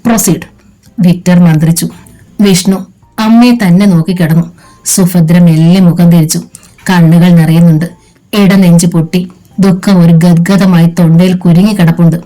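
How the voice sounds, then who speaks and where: Female audiobook narrator, low and mellow, steady measured read. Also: soft background music, rough recording. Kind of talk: scripted narration of a crime novel.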